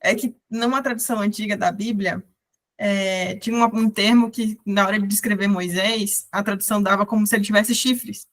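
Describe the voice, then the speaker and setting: A woman with a mid-range voice talks quickly in a casual reading group. She is chatty and eager to share bits of trivia with the others. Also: medium pitch, steady tone. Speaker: book club member.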